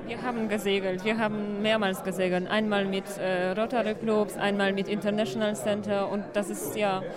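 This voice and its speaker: A woman in her twenties from Poland, a native Polish speaker with a Polish accent, speaking careful, slightly halting German as an exchange student. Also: medium pitch, little pitch movement. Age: 20s. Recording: crowd noise behind.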